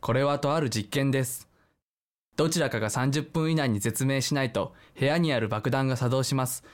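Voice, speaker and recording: A young man acting a tense young man who pleads for a gun in a student radio drama, rough and urgent. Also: mid-range voice, a little fast, close to an everyday voice. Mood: uneasy.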